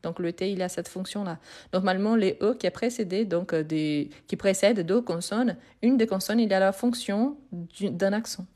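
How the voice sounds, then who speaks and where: A woman's voice: medium pitch, normal speed, mellow. A woman teaching French grammar in a live online lesson, repeating and spelling out each word and answering viewers' questions.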